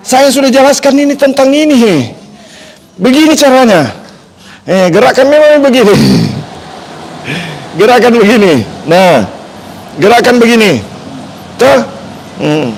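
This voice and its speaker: A man's voice: very high voice, a little hiss or hum, rough recording. A man with an Indonesian accent demonstrating reflexology massage on a live stream, chatty and joking as he repeats each instruction.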